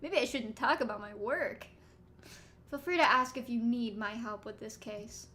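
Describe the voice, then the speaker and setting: A woman voicing a reserved female investigator in a plain, low-key voice, reading game lines. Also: moderate pace, bright, forceful tone, slight background noise. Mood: guarded.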